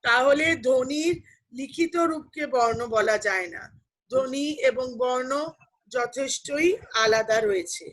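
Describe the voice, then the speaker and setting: A woman's voice: sits high, unhurried, rough recording. A woman teacher explaining grammar to students, patiently asking questions and answering them herself. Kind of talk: online class lecture.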